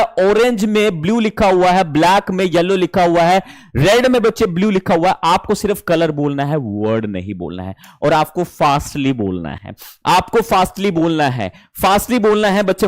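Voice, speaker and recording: A man teaching an online class, lively and animated, mixing Hindi and English. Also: high-pitched.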